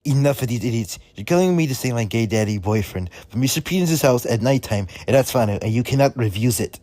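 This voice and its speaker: A man's voice: medium pitch, animated, quick pace, dark tone, natural voice. A man voicing a grumpy, dramatic, lovesick teenage boy in an overacted anime fan dub. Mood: impatient, dramatic. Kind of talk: abridged fan dub acting.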